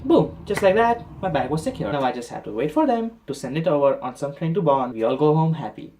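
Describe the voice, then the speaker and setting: A male travel vlogger from India tells the story of his own bad day with dry, self-mocking humor. He sounds worn out and exasperated, and his voice keeps a moderate, middling pitch. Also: animated, fast, mellow, slight background noise. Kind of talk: vlog narration and commentary.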